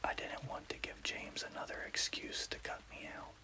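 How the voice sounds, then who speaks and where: A man's voice: moderate pace, pushed and bright. Male ASMR horror narrator, whispers throughout with no voicing, careful storyteller's delivery over rainfall. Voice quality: unvoiced, breathy whisper.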